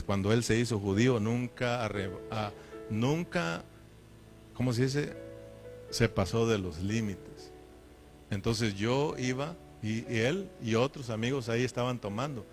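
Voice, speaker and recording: A male pastor preaches in church at a middle pitch. He talks emphatically, turning again and again to his brothers with rhetorical questions. Music plays clearly behind his voice. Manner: emphatic, keeps addressing listeners as brother, asks rhetorical questions. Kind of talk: sermon.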